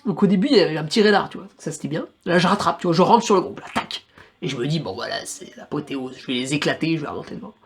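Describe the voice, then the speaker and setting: A man's voice: a little high, lively intonation, rapid-fire, creaky, slight background noise. A young man, a trail runner, recounting his race in a casual, slangy and crude storytelling manner.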